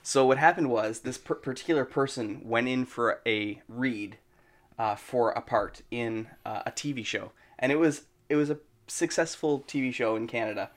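A man co-hosting an indie film podcast, telling an anecdote in a halting way and often repeating words. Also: medium pitch. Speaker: podcast co-host. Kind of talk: casual chat.

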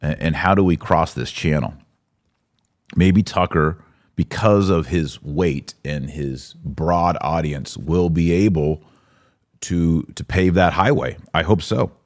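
In a deep voice, a man hosts a live-stream podcast, chatting casually in broken phrases that repeat and pose rhetorical questions.

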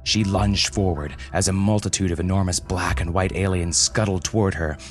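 Deep-voiced male storyteller. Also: steady tone, faint music behind. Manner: dramatic, measured reading. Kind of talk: scripted storybook narration.

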